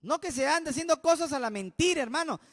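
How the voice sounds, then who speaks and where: Pastor, emphatic sermon, lots of questions to the church, long hall echo. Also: male voice, very high voice, animated, quick pace. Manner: emphatic, keeps asking the congregation questions. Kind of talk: expository sermon.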